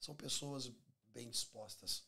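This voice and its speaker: Speaking a little slowly with a sharp tone, a Brazilian pastor in his forties from Minas Gerais appears as a guest in a small podcast studio. His male voice is medium-pitched and somewhat husky, and he preaches emphatically in a conversational manner, repeating key phrases and voicing short dialogues. A close studio microphone on a table stand picks him up.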